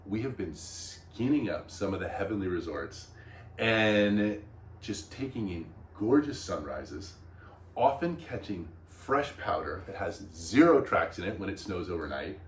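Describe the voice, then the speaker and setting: A man's voice: sits low, sing-song, measured pace, far from the mic. A man hosting a vlog, explaining things in casual chat with an enthusiastic, emphatic manner. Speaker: vlog host. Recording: roomy echo.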